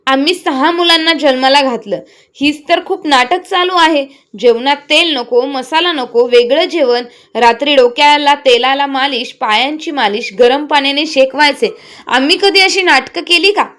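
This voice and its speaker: A woman's voice: high-pitched, moderate pace, a bit bright. A woman reading a storybook voice for a stern, scolding elderly mother-in-law, harsh and commanding.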